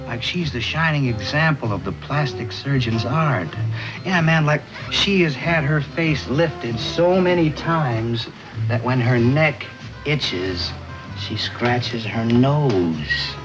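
A middle-aged American actor playing a self-important, laid-back beatnik club owner who jive-talks in rambling hipster slang in a 1950s TV drama. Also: male voice, medium pitch, expressive, slow pace. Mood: wry, enthusiastic. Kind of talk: 1950s television drama acting. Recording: dull vintage TV soundtrack, music behind.

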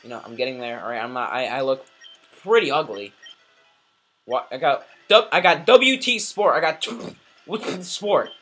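A man doing casual let's play commentary, rambling and self-deprecating, muttering asides then bursting into sudden shouts at the game. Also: mid-range voice, moderate pace, husky. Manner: excitable, swings between mumbling asides and sudden shouts.

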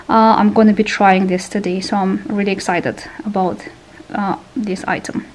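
A woman's voice: medium pitch, a little mellow, slight background noise, rough recording. A woman hosting a cooking channel, giving a grocery haul voice-over and listing each item and its price carefully.

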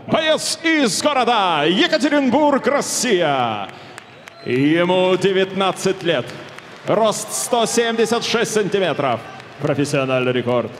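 Casting note: male boxing ring announcer, big swooping showman delivery, long arena reverb. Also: a little hiss or hum. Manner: booming, drawn-out showman delivery. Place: large indoor fight arena. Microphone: handheld microphone.

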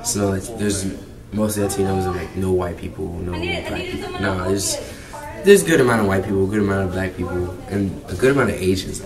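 A man's voice: deep voice, brisk, far from the mic, crowd noise. A teenage boy, a student, answering casually and rambling a bit. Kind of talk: interview answer.

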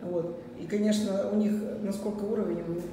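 Interviewing a child, a middle-aged woman vlogger with a Russian accent asks questions in a relaxed, chatty way. She speaks fairly quickly in a steady, medium-pitched voice, picked up from a distance amid noise and strong echo in an open kitchen-dining room with hard surfaces.

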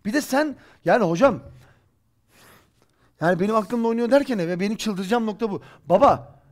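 A man's voice: high-pitched, lively intonation, moderate pace. A man in his forties giving heated post-match football commentary, impassioned and scolding. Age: 40s. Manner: impassioned, ranting, rhetorical scolding. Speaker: football pundit. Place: studio.

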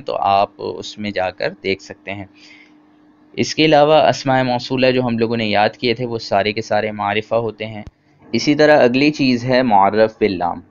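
A man's voice: fairly low pitch, slight background noise. A man teaching a grammar lecture, explaining patiently with simple examples and asking questions. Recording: dull lo-fi sound.

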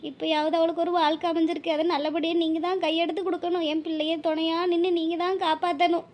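A woman's voice: very high-pitched, flat delivery, fast, a little mellow. A woman voicing an anxious, tearful elderly mother in a cartoon, speaking with a pleading, emotional manner. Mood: tearful prayer. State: crying. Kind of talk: cartoon voice acting.

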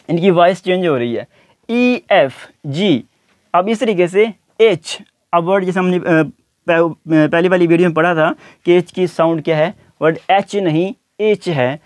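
A man teaching an English lesson, repeating each word slowly and deliberately. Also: sits high, dry recording, studio quality. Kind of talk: spoken language lesson.

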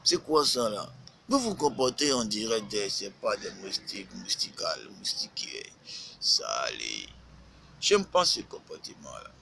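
A man's voice: on the low side, wildly swooping pitch, a little slow, creaky, sharp tone, a little hiss or hum, low-quality recording. A man, a rapper talking casually on a live stream, lecturing and scolding with lots of repetition.

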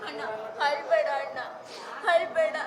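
A woman's voice: sits high, fairly even intonation, a little slow. A woman playing a caring young sister in a village stage drama, pleading with her brother. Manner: pleading, repeated calls. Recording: roomy stage, music and crowd.

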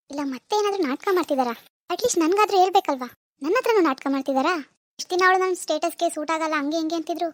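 A woman's voice: very high voice, dry recording. A woman playing a snobbish young woman of the family who scoffs in disbelief at her mother-in-law's change in a homemade family drama skit. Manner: doubtful, scoffing.

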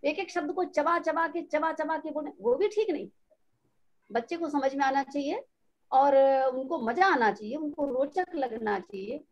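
A middle-aged woman training children's teachers in an online session, explaining slowly and mimicking bad speaking habits. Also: sits high, expressive. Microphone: online video call. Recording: dull lo-fi online call audio.

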